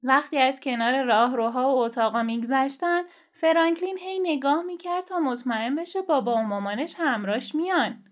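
A woman reads a children's storybook aloud with steady, gentle storytelling. Her voice is high and bright, and her delivery is clear.

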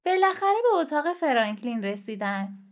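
A woman reading a children's storybook aloud in a steady, clear and gentle manner. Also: high-pitched.

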